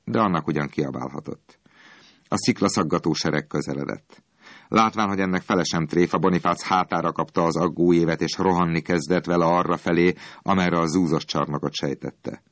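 A man reading a storybook aloud in an expressive, dramatic storytelling manner. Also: low-pitched, no echo. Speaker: narrator.

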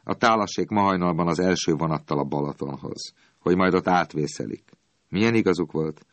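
A man's voice: low-pitched, dry recording, natural voice. A man voicing a glum older legless man who mutters gloomily from a bench in an audiobook. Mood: gloomy.

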